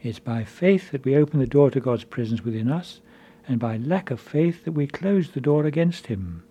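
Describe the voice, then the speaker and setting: A man giving a measured, earnest spiritual conference talk as a preacher. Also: medium pitch, mellow, slightly rough.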